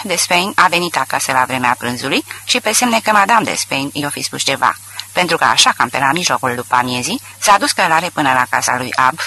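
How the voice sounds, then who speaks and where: A man narrating a literary audiobook in an expressive storytelling manner. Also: on the high side, slightly rough, rough recording.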